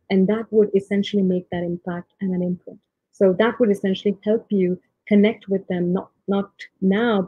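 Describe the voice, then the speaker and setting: A soft-spoken Indian woman in her thirties, a tech leader, gives a reflective leadership conference talk remotely from a room at home. Her mid-range voice comes through a laptop or webcam mic on a video call, tinny, husky and dry, with frequent ums and restarts.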